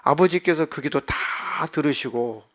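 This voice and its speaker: A middle-aged man preaching a sermon as a pastor in a church, animated and acting out voices as he talks. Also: a little high, moderate pace. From South Korea. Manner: animated, acts out children's and God's voices. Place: church sanctuary.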